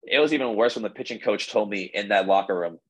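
A young man with a low, easy voice recounts his story as a podcast guest. He rambles casually, restarting sentences and leaning on "like" as he goes. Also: fast, fairly bright tone, husky, rough recording. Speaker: podcast guest, baseball pitcher.

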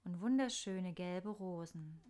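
A woman narrating a scripted guided meditation in a soft, soothing, unhurried manner with pauses. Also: on the low side.

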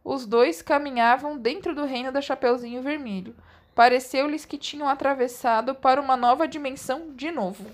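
A high-voiced woman reads a children's story aloud. Her narration is relaxed and playful, and she often slips into giggles. It sounds like a casual read-aloud among friends. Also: normal speed. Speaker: reader of a children's book aloud.

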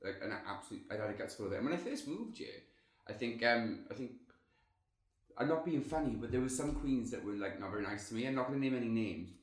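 Fast-talking Welshman with a Swansea accent. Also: medium pitch, lively intonation. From Swansea, Wales. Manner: rambling, self-deprecating, colloquial. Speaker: podcast guest, drag performer. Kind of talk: casual chat. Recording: echoey room.

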